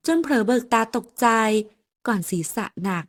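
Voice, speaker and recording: Husky woman reading an audio novel. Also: on the high side, expressive, normal speed. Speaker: audiobook narrator.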